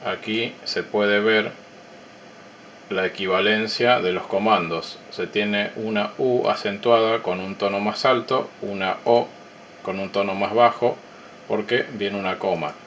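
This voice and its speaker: A man calmly narrating a technical demo of his electronics project in a measured, explanatory way with pauses. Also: lowish voice, a little hiss or hum.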